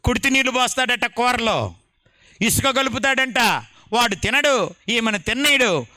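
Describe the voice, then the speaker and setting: A male pastor, telling a story in an animated sermon. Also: very high voice, normal speed, dry recording, clean studio sound. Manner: animated storytelling, dramatic retelling.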